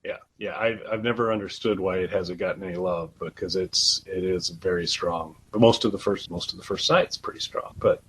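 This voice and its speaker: A man's voice: sits low, a little fast, hardly any pauses, fairly bright tone, slightly rough, poor audio. A man co-hosting a casual album review podcast, talking in a hesitant way with many restarts. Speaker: podcast co-host.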